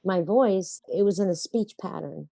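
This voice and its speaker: A woman playwright, guesting in a conversational interview, shares wry, self-mocking anecdotes from her life. Her voice is lowish, creaky, and warm, at an ordinary speed, with no room sound.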